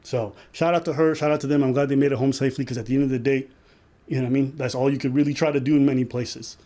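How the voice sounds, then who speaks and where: A man hosting a casual podcast, reacting to a video with joking, profane, animated commentary. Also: medium pitch, very fast. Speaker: podcast host.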